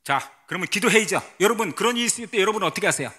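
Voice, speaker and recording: A missionary pastor preaches a testimony sermon in a church. His bright, forceful man's voice rises and falls a great deal. He tells his story with drama and keeps putting questions to the congregation. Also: high-pitched, lively intonation, racing. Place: church sanctuary.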